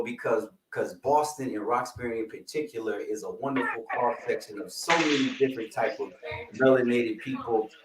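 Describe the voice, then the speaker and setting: Animated male podcast co-host, casual and playful, on a distant echoey call mic. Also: mid-range voice. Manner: animated, playful, lots of slang and fillers. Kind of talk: casual podcast chat and guest introduction. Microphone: video call.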